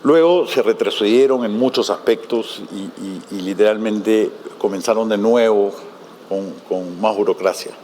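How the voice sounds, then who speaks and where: A man with a somewhat low voice moderates a conference panel, posing long questions to the guests. He pauses often and fills the gaps with drawn-out sounds, over a faint background hiss. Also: a little mellow. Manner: halting, many filler sounds.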